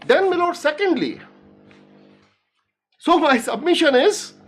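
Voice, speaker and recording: A woman lawyer making a formal courtroom argument, reading legal text deliberately and emphatically, repeating key phrases. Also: high-pitched, lively intonation, faint music behind. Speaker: lawyer arguing before a judge. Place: courtroom live stream.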